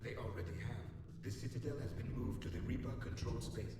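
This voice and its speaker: Man acting a formal, quick-speaking alien AI with reverb. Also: medium pitch, expressive, close to an everyday voice. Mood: grave, detached. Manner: formal, precise, clipped. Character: formal alien artificial intelligence, dispassionate hologram guide. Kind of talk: video game voice acting.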